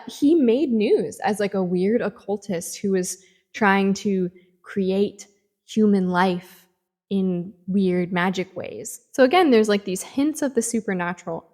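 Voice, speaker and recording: A woman chats through a spooky novel's plot in a lively, storytelling way, speeding up and slowing down for effect. She often drops in casual fillers as she goes. Her pitch sits in a middling range for a woman. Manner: animated storytelling, tempo swings, frequent "like". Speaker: book reviewer. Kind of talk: casual book review vlog.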